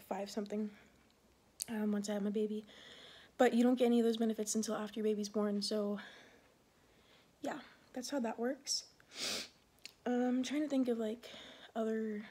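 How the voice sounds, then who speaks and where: Young woman, twenties, slightly high, warm flat delivery, rambling vlog chat, short of breath. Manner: rambling, many fillers like "like" and "um". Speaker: Air Force security forces member.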